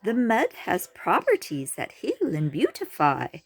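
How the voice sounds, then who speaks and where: A woman voicing excitable female pigs at a mud bath, in a shrill, squealing storybook voice. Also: unhurried, slightly rough, heavily acted.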